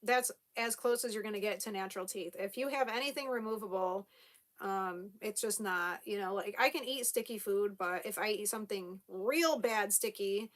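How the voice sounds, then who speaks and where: At home, a young woman with a slight lisp talks casually to her camera while reading through viewer comments as a vlogger. She rambles with fillers and restarts and laughs frequently, in a mid-range voice at normal speed.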